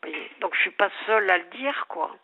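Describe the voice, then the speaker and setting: A woman's voice: mid-range voice, lively intonation, a little fast, vocal fry. An older woman calling in to a radio show over the phone, rambling and repeating herself as she tells a family problem. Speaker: caller. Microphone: telephone. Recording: dull phone line.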